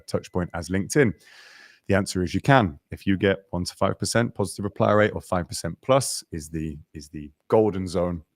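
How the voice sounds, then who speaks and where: A man hosting a live webinar, chatty and energetic, greeting viewers and walking through slides over a video call. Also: low-pitched, no room sound, clean studio sound. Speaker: webinar host.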